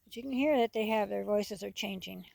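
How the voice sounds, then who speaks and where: This farm owner's voice is mid-range, gravelly and a little mellow, moving fairly quickly as she rambles through folksy vlog commentary about her geese and ducks, repeating phrases often. She's outdoors under a tree, with geese, bird calls, clicks and other outdoor noise audible.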